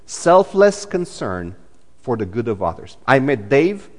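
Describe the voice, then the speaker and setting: A man in his forties from Romania preaches a sermon in a church that sounds like a large hall. His voice is medium-pitched, and he talks in a loose, chatty manner with frequent fillers and restarts.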